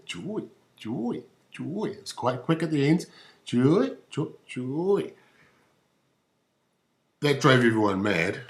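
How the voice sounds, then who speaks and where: Dry New Zealand man, mock lecture. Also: lowish voice. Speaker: comedy musician. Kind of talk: comic stage monologue.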